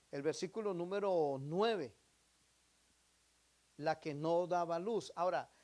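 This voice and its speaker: Male pastor, high voice, sermon delivery with rhetorical questions and sharp volume swings. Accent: Latin American Spanish. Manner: preaching with rhetorical questions to the congregation; swings between emphatic loud phrases and quiet drops.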